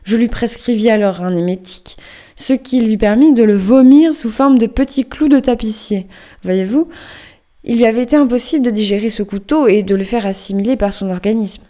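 A woman's voice: on the high side, brisk, mellow, close to an everyday voice. A woman voicing a garrulous male ship's doctor who lectures and tells anecdotes. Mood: chatty.

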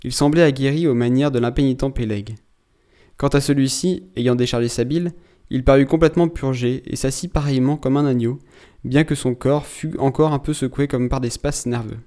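Mellow-voiced male audiobook narrator. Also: medium pitch. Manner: measured storytelling with occasional restarts. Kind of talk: audiobook narration of a classic novel.

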